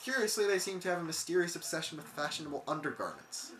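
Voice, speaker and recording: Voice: medium pitch, very animated, fast, a bit bright, roomy sound, pitched above the performer's own voice. A player reading as a dry, factual sword spirit. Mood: matter-of-fact.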